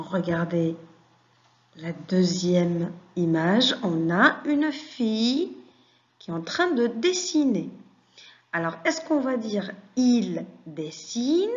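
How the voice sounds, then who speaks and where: A woman teaches very young pupils at an unhurried, deliberate pace, stretching out every word and pausing for answers. Her questions and quick praise come in a patient classroom manner. The sound is dull and a little lo-fi. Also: fairly low pitch, expressive. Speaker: French teacher. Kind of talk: classroom lesson for young children.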